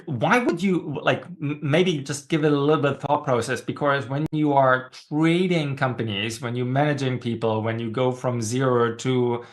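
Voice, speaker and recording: A man at a mid-range pitch hosts an interview, introducing his guest with measured, slightly formal phrasing. His questions come with small fillers and restarts. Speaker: host, faculty member.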